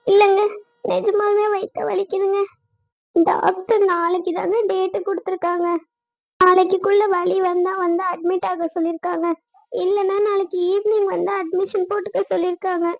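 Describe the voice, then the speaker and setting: A woman's voice: very high-pitched, flat delivery, normal speed, gravelly, no echo. A woman voicing a tearful young pregnant wife in labor, wailing and pleading. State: crying.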